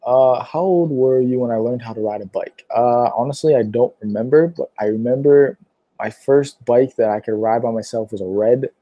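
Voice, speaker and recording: With a mid-range voice at a moderate pace, a young man from Pittsburgh, Pennsylvania, answers livestream viewers' questions in a rambling, casual way full of fillers, his throat sore. The recording is dry and the audio dull.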